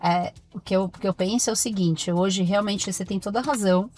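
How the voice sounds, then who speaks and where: A Brazilian woman, a pediatrician, talking as a podcast guest in firm, animated stories full of acted-out dialogue. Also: mid-range voice, brisk. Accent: Brazilian Portuguese. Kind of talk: podcast interview conversation.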